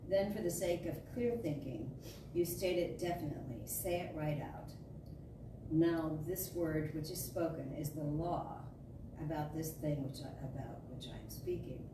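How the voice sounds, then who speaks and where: This clip captures a storyteller-style dramatic reading of a metaphysical sermon by a woman with a deep voice. She speaks emphatically and declaratively, shaping her phrases with deliberation. The setting is a large indoor spiritual center room, recorded from afar so the hall echoes and the audio is noisy.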